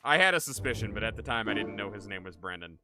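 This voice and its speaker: A man livestreaming a video game, chatting casually and excitably with viewers in an animated, exclaiming way. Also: fairly low pitch, quick pace, crowd noise. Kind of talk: casual livestream gaming chat and commentary.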